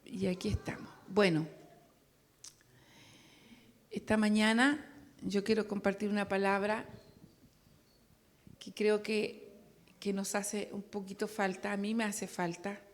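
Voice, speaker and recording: A woman's voice: medium pitch, level tone, takes it slowly, long pauses. A woman preaching a sermon, chatty and joking with the congregation.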